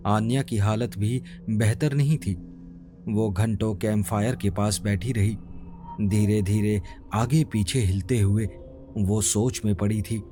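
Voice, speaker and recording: A man's voice: on the low side, fairly even intonation, unhurried, dark tone, soft background music. A man narrating a horror story in a grave, suspenseful scripted delivery.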